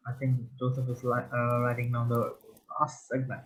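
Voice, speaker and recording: A man's voice: medium pitch, completely flat delivery, normal speed, fairly bright tone, a little hiss or hum, poor audio. A young man chairing an informal group meeting on an online call, talking casually.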